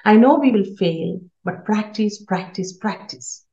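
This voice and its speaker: With a warm, expressive mid-range voice at a measured pace, an earnest woman gives a parenting talk. She repeats key words for emphasis, and the sound is the roomy, slightly dull kind typical of a video call.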